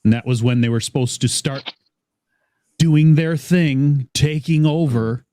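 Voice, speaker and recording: A man in a casual panel chat, speaking in a measured, reflective way with the odd curse. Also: a little high, dark tone, no room sound, clean studio sound. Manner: measured, reflective, occasional swearing. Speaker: panel guest.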